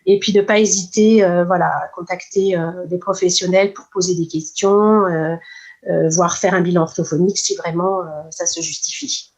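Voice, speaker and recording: A woman speech therapist, explaining patiently in an interview, with many pauses and fillers. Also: fairly low pitch, steady tone, a little mellow. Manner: measured, many hesitations and fillers.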